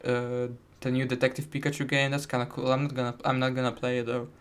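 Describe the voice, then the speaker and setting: A man's voice: mid-range voice, little pitch movement, fast talker. A man co-hosting a podcast from home, talking casually over a voice call in a laid-back way, swearing and restarting his sentences. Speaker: podcast co-host.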